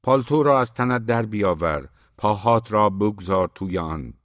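A gruff, taciturn old man who answers in curt, terse phrases, voiced by a man reading an audiobook. The voice is very low and deep. It is recorded dry and close. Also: lively intonation, dry recording, lightly acted.

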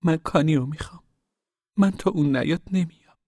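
A man's voice: on the high side, a little mellow, dry recording, clean studio sound, pitched above the performer's own voice. A man doing a sulky, stubborn young woman. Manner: pouting, insistent refusals.

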